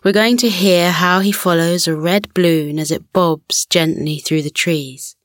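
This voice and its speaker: A woman narrating a children's sleep story in a gentle, soothing, unhurried way, as the host of a scripted bedtime podcast. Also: lowish voice, steady tone, dry recording, studio quality. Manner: soothing, gentle, unhurried guided-relaxation delivery.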